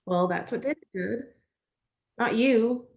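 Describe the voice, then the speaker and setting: A woman with a somewhat high voice and vocal fry speaks slowly, reading a stage play as a loyal, reassuring young country woman. Plain-spoken and folksy, she earnestly reasons things out.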